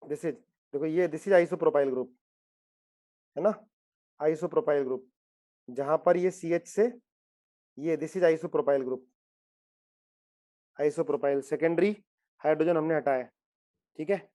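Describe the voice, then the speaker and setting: A man's voice: a little high, slow pace, long pauses, warm tone. A man teaching a chemistry lesson, asking his students questions again and again and coaxing them to answer. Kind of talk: classroom lecture.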